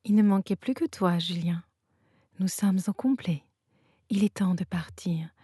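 A wise, gentle unicorn speaks in a hushed, teasing murmur, whispered by a woman telling a bedtime story. The voice is very airy and mellow, and it moves slowly. It sits dry and close, a whispered role-play. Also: fairly low pitch, husky, dry recording. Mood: reassuring. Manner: soft and teasing.

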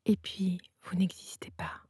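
A woman's voice: lowish voice, big pitch swings, a little slow, mellow, husky, no room sound, studio quality, full character voice. A woman voicing a protective older brother in a whispered role-play, firm in tone.

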